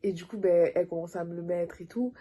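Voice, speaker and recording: A young adult woman telling a personal story in a casual storytime vlog, animated and full of filler words. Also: lowish voice, fast talker. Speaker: vlogger.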